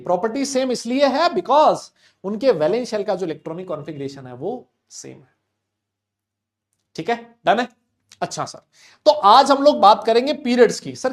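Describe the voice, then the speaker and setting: A young male chemistry teacher giving an online class, chatty and loud, talking to students and voicing their questions himself. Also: high voice.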